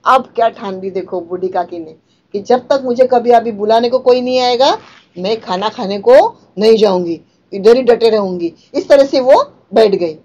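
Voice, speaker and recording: A woman's voice: fairly high pitch, moderate pace, darkish tone, highs cut off. A woman teacher reading out a story and explaining each line in simpler words.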